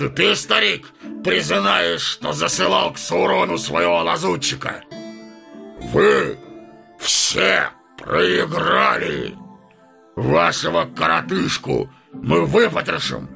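A man voicing a huge, mocking male envoy of a dark lord in an audiobook, taunting with a raised voice. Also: fairly high pitch, takes it slowly, creaky, faint music behind, pitched above the performer's own voice, heavily acted. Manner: mocking, taunting, bursts of laughter. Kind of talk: audiobook character voice.

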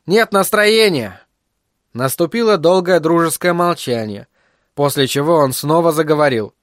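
A man narrating an audiobook in a steady, even storytelling manner. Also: on the high side, moderate pace, no room sound, studio quality. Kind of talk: scripted narration.

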